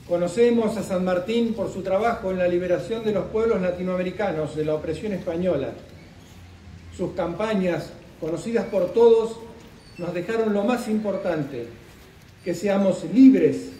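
Speaking officially at a commemoration, a middle-aged man reads his formal speech from notes, measured and solemn, pausing deliberately. His dark-toned voice sits high, and the podium microphone in the outdoor park gazebo is picked up from afar, so the audio sounds distant and roomy with slight background noise.

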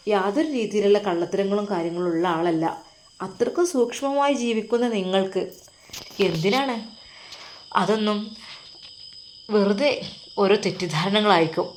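A woman doing a gentle, soothing father. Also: mid-range voice, natural voice. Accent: Malappuram Malayalam. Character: loving middle-aged father comforting his daughter. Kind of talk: storybook reading.

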